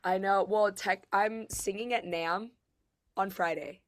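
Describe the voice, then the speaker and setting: A woman who is sick and sounds rough, chatting casually as a returning podcast guest and laughing often. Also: medium pitch, fairly even intonation, measured pace. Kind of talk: casual chat.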